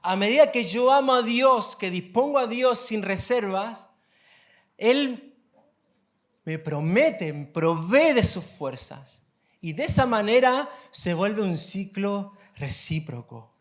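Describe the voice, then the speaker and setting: A man preaching a sermon as pastor, asking the congregation questions and building up to emphatic phrases. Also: sits high.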